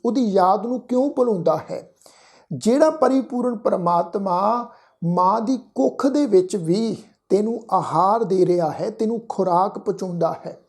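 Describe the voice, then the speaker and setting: A woman teaching Sikh scripture in a gentle devotional talk. She chants verses slowly and carefully and explains how to pronounce them correctly. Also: mid-range voice. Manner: slow, drawn-out chanting of verses with careful diction. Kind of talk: gentle devotional exposition with recitation.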